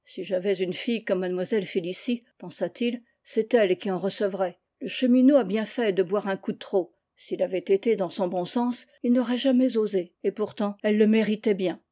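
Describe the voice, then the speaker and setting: A woman's voice: medium pitch, normal speed, few pauses, mellow, close to an everyday voice. A woman voicing a courteous, plain-spoken older peasant man in a storybook reading. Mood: musing.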